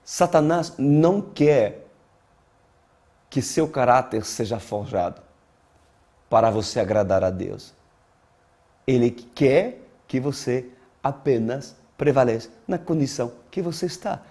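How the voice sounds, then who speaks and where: Here a pastor preaches a sermon in a slow, mellow male voice pitched in the mid range. He's not a native Portuguese speaker, having learned it as an adult. His style is deliberate and emphatic, with dramatic pauses and recurring phrases.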